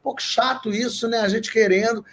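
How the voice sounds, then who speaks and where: A man telling a comic anecdote in an animated way, often repeating and restarting words. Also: very high-pitched, normal speed. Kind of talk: comic storytelling.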